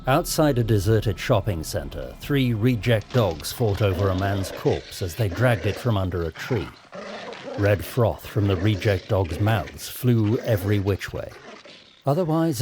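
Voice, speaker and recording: A British man narrating a story in a measured, dramatic reading. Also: on the low side, a little mellow, slightly rough. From Britain. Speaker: author and narrator.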